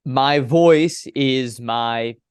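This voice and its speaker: A young man in his twenties tells stories from his broadcasting work with animated, chatty energy. His voice sits in a middle register and sounds dry and close on a studio podcast mic. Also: medium pitch, extremely slow, smooth, dry recording. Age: 20s. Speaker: baseball broadcaster, guest. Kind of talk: conversational interview.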